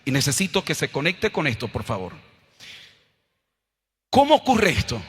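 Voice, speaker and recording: A Colombian man preaching a sermon, swinging from low, quiet asides up to loud, shouted scripture lines. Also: wildly swooping pitch, moderate pace, slightly rough. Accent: Colombian Spanish. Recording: long hall reverb.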